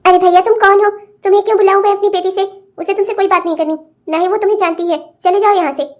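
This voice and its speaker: A protective mother in a cartoon, voiced by a woman, soothing her daughter one moment and turning firm the next. Her voice is very high and mellow. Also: fast talker. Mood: stern. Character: caring older mother, protective.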